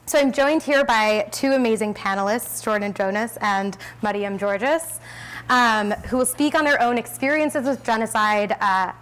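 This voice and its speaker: A woman's voice: on the high side, moderate pace, clean tone, rough recording. A woman moderating a live panel on stage, casual and friendly, with frequent ums and jokes. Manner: warm, casual, joking, with fillers. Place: stage before a live audience.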